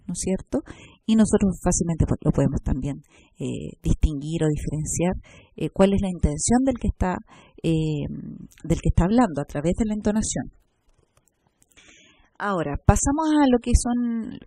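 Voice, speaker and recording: A woman giving a recorded lecture over slides, often checking in with a quick tag question. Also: medium pitch, mellow, no room sound. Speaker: teacher.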